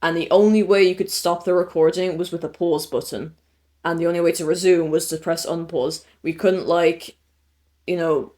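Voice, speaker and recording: A man co-hosting a podcast in relaxed, casual chat, laughing often and using lots of fillers. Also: on the high side, normal speed. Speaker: podcast co-host.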